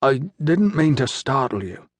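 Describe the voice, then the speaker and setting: A man voicing a battered young man with a swollen jaw, speaking in a halting, pleading way. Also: on the high side, no echo, pitched above the performer's own voice, close to an everyday voice.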